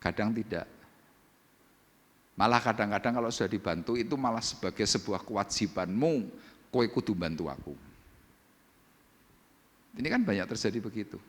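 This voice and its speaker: A male pastor preaches with a lively, swooping voice, slipping into little acted exchanges. He speaks in a church hall, and the sound trails off in a long reverb. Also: on the low side, a little fast. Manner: animated, acts out little dialogues. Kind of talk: sermon.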